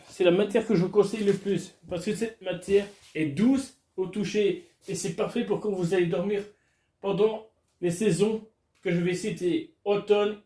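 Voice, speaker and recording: A man's voice: high voice, a little mellow, roomy sound. A man alone at home, chatting casually and crudely to his camera while unboxing. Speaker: vlogger. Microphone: camera filming him.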